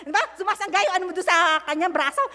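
A woman's voice: extremely high pitch, racing, pushed and bright. A middle-aged woman preaching a sermon, telling candid personal stories and breaking into prayer mid-sentence. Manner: candid storytelling mixing English and Tagalog, praying aloud mid-sentence. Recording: long hall reverb.

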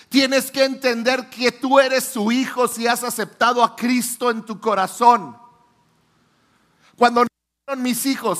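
A Mexican man in his forties preaching a sermon as a pastor, telling stories dramatically, swinging from loud declarations to hushed lows.

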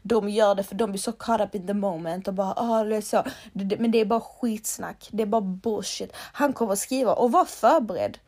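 Blunt, swearing young woman with a gravelly edge. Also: medium pitch, few pauses, a little mellow. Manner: blunt, emphatic, swears freely, repeats for emphasis. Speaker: advice-giver. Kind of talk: heartfelt direct-to-camera advice.

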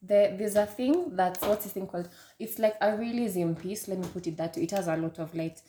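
A woman's voice: medium pitch, a little fast, mellow, slight background noise. A woman, co-hosting a podcast in playful, teasing casual chat. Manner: playful, teasing, laughs often. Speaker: podcast co-host.

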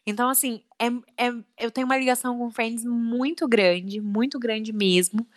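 A woman's voice: fairly high pitch, fairly even intonation, moderate pace. A young adult woman in a casual chat, talking emotionally with lots of fillers.

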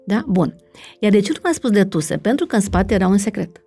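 Middle-aged woman guest, gravelly and mellow, chatty explainer who keeps checking that the listener follows. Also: medium pitch, lively intonation, soft background music. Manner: explains with many fillers and checking questions like "da?". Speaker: family constellations facilitator, guest. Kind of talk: conversational explanation in an interview.

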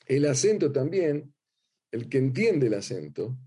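A man's voice: medium pitch, big pitch swings, unhurried, warm tone, husky. A middle-aged man with an Argentine Spanish accent, a rabbi giving a religious lecture in a sing-song, teacherly way, often repeating words as he searches for them.

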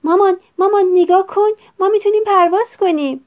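A woman's voice: very high voice, voice pushed up. A woman reading aloud, voicing a tiny boy with a chirping voice. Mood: excited. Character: small boy turned sparrow-sized, chirpy and excited. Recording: dull lo-fi recording.

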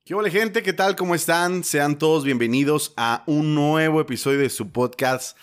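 A man's voice: on the high side, normal speed, very noisy. Upbeat man hosting a podcast. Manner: upbeat, jokey, welcoming. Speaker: podcast host. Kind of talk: casual interview chat.

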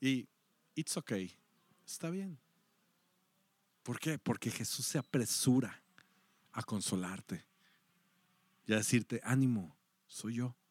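A man's voice: mid-range voice, lively intonation, slow pace, pauses often, darkish tone, breathy edge, dry recording. A man preaching a sermon, telling a story with acted-out quotes and dropping at times to near-whispers. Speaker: pastor.

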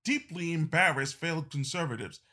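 A man's voice: fairly high pitch, normal speed, sharp tone. A man delivering a political opinion monologue, emphatic, repeating phrases and restarting sentences. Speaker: political commentator.

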